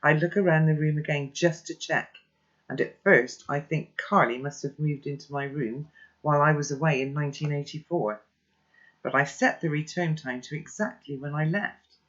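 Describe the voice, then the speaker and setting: Steady storybook reader, dull recording. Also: medium pitch, normal speed. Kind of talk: reading a children's novel aloud.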